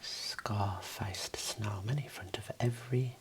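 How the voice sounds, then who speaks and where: A man speaking in a soft, breathy whisper, giving an unhurried ASMR tour of his book collection. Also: on the low side, slight background noise. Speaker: host showing own book collection.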